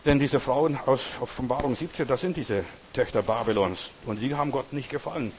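A man preaching a sermon, asking his listeners direct questions and swinging between quiet stress and loud raised lines. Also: mid-range voice, fairly quick, a little hiss or hum. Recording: long hall reverb.

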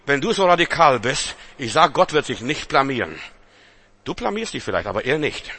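A man preaching a sermon, dramatic and full of rhetorical questions, swinging between loud exhortation and hushed intensity. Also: mid-range voice, very animated, moderate pace, slightly rough.

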